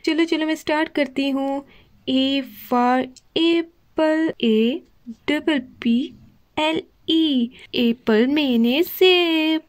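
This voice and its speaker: A woman's voice: sits high, unhurried, few pauses. A woman doing a clever big-sister doll. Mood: confident. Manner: confident, mildly scolding. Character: clever older sister girl doll, best student, protective. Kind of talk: doll play storytelling.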